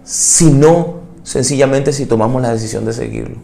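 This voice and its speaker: Fervent gravelly-voiced male pastor preaching. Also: mid-range voice, normal speed. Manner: fervent preaching, swinging between hushed pleas and loud climaxes; asks the listener direct questions. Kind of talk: sermon.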